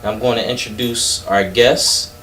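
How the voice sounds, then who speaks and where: A man's voice: mid-range voice, steady tone, measured pace, bright, forceful tone, reverberant, distant mic, faint music behind, rough recording. A man with an African accent co-hosting a talk show and introducing the guests. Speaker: co-host. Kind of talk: casual chat and show introduction.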